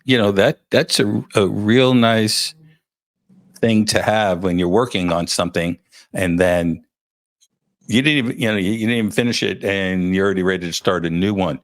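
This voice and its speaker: A man's voice: deep voice, moderate pace, no room sound, clean studio sound. A man hosting a casual interview, chatty and joking as he thinks aloud. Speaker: interview host.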